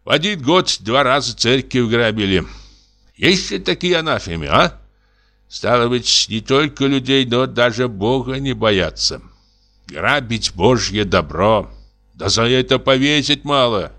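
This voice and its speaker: A man's voice: medium pitch, lively intonation, a little slow, pushed and bright, pitched above the performer's own voice. A man reading an audiobook, voicing an old, frightened, pious forester who whines plaintively. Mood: grumbling. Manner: whining, plaintive.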